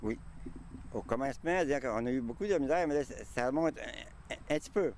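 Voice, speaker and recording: Halting Quebec man, faint outdoor noise. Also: mid-range voice, darkish tone. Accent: Quebec French. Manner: halting, stammered restarts. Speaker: farmer being interviewed. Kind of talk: casual interview answers. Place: outdoors on a farm.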